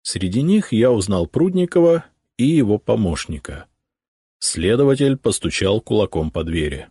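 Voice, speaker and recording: A man reading first-person audiobook narration in a measured, expressive way. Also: lowish voice, husky, dry recording, clean studio sound.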